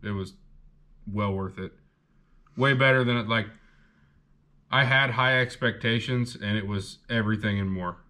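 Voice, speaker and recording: A young man hosting a fishing channel shows off his gear in a casual haul video. His lowish voice sounds pushed and bright, moving at a moderate pace with frequent pauses, and his laid-back chat rambles along with fillers.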